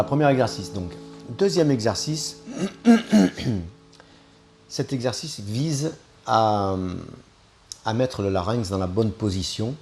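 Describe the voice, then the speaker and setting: A man runs a singing lesson in a fairly low, mellow voice. He explains technique patiently and keeps tacking on small asides as he goes. Soft music plays faintly behind him. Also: breathy edge. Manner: explanatory, with frequent "hein" tags. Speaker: singing teacher.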